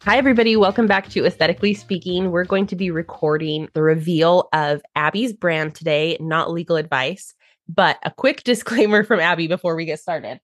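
In this podcast conversation, a low-voiced woman who is a brand strategist and designer walks through how she works, talking a little fast with clear, enthusiastic explanations and high-voiced impressions of her clients. The recording is dry and close with no echo, and soft music plays in the background.

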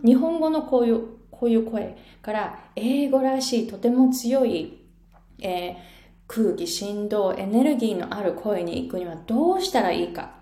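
A woman English pronunciation coach giving an online lesson in an animated, coaxing way, often acting out sounds as she explains. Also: mid-range voice, roomy sound.

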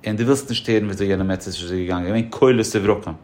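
A man's voice: fairly low pitch, very fast, a little mellow. A man as a podcast guest giving insurance advice, emphatic and explaining through examples. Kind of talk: casual podcast conversation.

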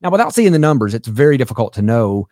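A man's voice: medium pitch, big pitch swings, fast talker, warm tone, no room sound, clean studio sound. A man hosting a call-in advice show, explaining things to callers in a patient, plain way. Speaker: host.

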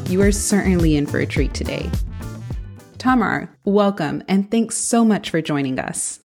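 A woman's voice: on the low side, expressive, normal speed, gravelly, darkish tone, faint music behind. A woman hosting a podcast, reading her introduction and then interviewing a guest. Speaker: podcast host.

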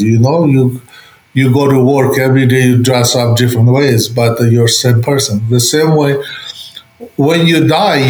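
A man giving spiritual teaching as an interview guest, speaking halting non-native English. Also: medium pitch, a little mellow. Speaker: interview guest, Buddhist lama and author. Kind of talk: explanatory spiritual teaching in conversation. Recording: roomy, echoing space.

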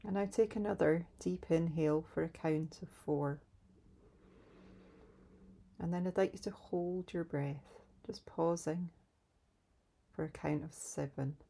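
Woman meditation guide, calm grounding exercise, soft soothing delivery, mellow tone, creaky low endings. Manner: calm, soothing, unhurried instruction with pauses.

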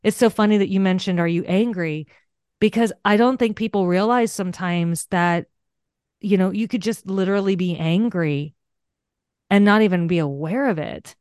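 A woman's voice: medium pitch, moderate pace, clear, resonant tone, dry recording, studio quality. A woman podcast host and coach, chatting casually and animatedly in an interview, telling stories about herself and laughing often. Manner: animated storyteller, self-deprecating, laughs often.

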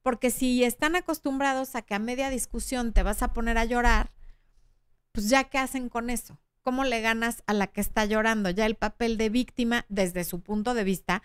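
The host, a woman in her thirties with a Mexican Spanish accent, chats openly about relationships, reads viewers' comments, and imitates the voices she quotes. Her tone is clean and on the high side, and there's no echo.

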